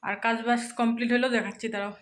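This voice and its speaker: A mother in her thirties from North Bengal, India, vlogs at home, chatting directly to viewers about cooking and chores in a colloquial North Bengal Bengali accent. Her voice is a little high and flat and she races along, though she goes soft at times so her sleeping child stays asleep. She moves between the kitchen and other rooms indoors.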